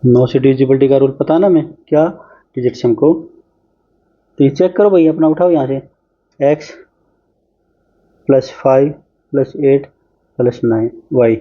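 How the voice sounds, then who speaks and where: A man with a medium-pitched voice gives an exam-prep math lesson, chatting briskly as he solves problems on screen. The recording sounds muffled.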